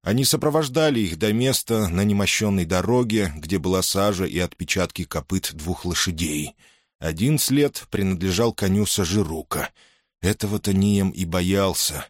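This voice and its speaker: Male audiobook narrator, deep-set voice, dry booth sound. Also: expressive, normal speed, no echo. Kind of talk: scripted narration.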